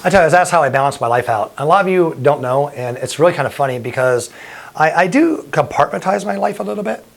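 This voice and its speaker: A man's voice: on the high side, animated, quick pace, gravelly, soft background music. A middle-aged man, a bodybuilding promoter and firefighter, telling a personal story to the camera in an earnest, openly emotional way.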